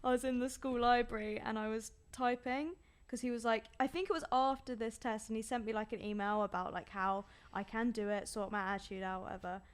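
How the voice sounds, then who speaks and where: A woman's voice: a little high, fairly quick, few pauses, clean tone. A young woman from Britain, a podcast co-host swapping school stories in casual chat, swearing and laughing often. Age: young adult. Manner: swearing, laughing, animated storyteller.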